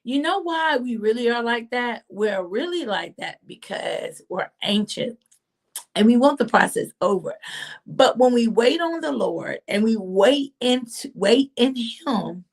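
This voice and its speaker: A woman hosting a live stream, giving an animated casual devotional talk and exclaiming often to her listeners. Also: on the high side, unhurried. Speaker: host of a faith live stream.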